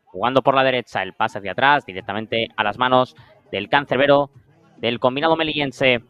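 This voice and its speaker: A man's voice: medium pitch, brisk, clean tone, dull audio. A man with a Spain Spanish accent giving live play-by-play of a beach football match in short descriptive phrases. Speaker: sports commentator.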